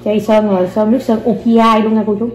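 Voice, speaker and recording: A woman's voice: mid-range voice, level tone, fast, a little mellow, soft background music. A young mother, filming her kids and coaxing them, talking to viewers in a casual, playful way. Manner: coaxing, playful, repeats short commands to children.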